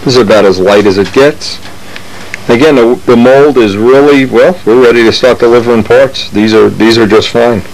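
In his home workshop, a man hosting a model airplane channel rambles casually while showing parts, frequently stopping to restart sentences. His mid-range voice is a little mellow at a moderate pace, on a rough recording with slight background noise.

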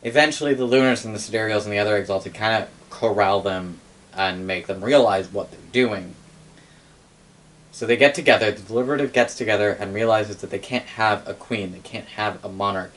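On the low side but fairly bright in tone, a young man speaks fairly quickly as he casually relays game lore with wry profanity. The low-quality audio comes from a camera a few metres away in a living room with clear background noise.

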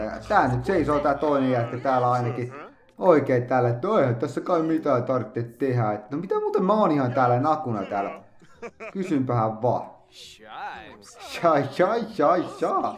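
A man's voice: mid-range voice, a little mellow, reverberant. A man giving casual, joking commentary as he plays a video game, chatting to his game characters. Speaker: let's play gamer.

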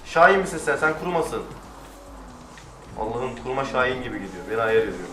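A man giving casual let's-play commentary, excitable, swearing and shouting at the game. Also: mid-range voice, fairly quick, background noise. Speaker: gamer. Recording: roomy, distant mic with faint music.

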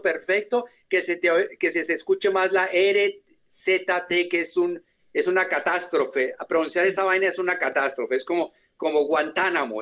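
A man teaching a German lesson online, explaining patiently and repeating words slowly. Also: sits high, a bit bright.

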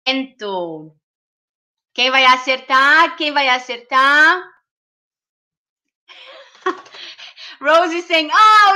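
A woman's voice: high voice, pushed and bright. A woman hosting a casual livestream, chatting and laughing as she reads viewer comments aloud. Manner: giggly, laughs often. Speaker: livestream host.

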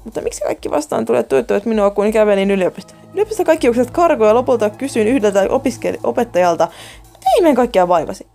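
A woman's voice: fairly high pitch, lively intonation, vocal fry, few pauses, warm tone. A woman narrating a first-person horror story in a dramatic, scripted way. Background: faint music.

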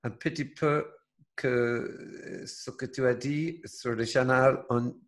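Male host, unhurried, stumbling fillers in a loose conversation. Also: medium pitch, steady tone. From Ireland. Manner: hesitant, halting French with many fillers. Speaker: podcast host. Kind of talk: casual chat.

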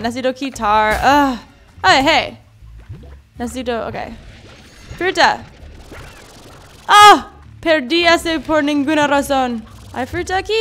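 Young woman, for relaxed gameplay commentary; high, animated delivery, talks to creatures, squeals when startled. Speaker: gaming video creator. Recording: faint background game music.

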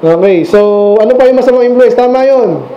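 Brisk and mellow, with a very high voice, a man serving as pastor delivers an informal Sunday evening sermon in a small church mission hall, speaking conversationally and quizzing the congregation's children. The room recording is lo-fi, echoey and dull, carrying a slight hiss or hum.

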